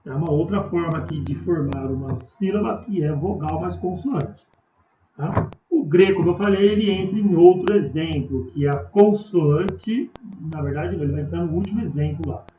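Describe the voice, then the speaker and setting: Brazilian portuguese guy teaching a class, kinda high voice, far off mic in a roomy echoey space, dull faint hiss. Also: dark tone. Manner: patient, slow spelling-out with frequent "tá?" check-ins. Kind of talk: recorded remote class lesson.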